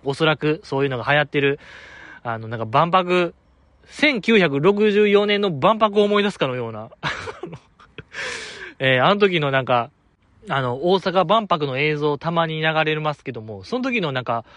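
A fairly high-voiced man with a Kansai accent carries a solo podcast in a loose, chatty monologue. His pitch swings widely as he jokes and wanders between tangents. The sound is close and dry, with no room around it. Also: dry recording. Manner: chatty, animated, laughs often, digresses. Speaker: podcast host. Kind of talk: casual solo podcast chat.

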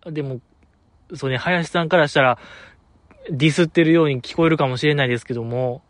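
A man with a Kansai accent hosting a podcast, rambling in a chatty, animated way and laughing often as he goes off on tangents. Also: fairly high pitch, no room sound. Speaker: podcast host. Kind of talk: casual solo podcast chat.

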